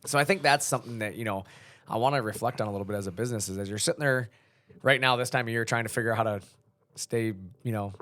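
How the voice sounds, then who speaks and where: A man in his thirties hosting a casual business podcast, relaxed and rambling, with lots of fillers. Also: mid-range voice, fast, no room sound. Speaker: podcast host, company leader.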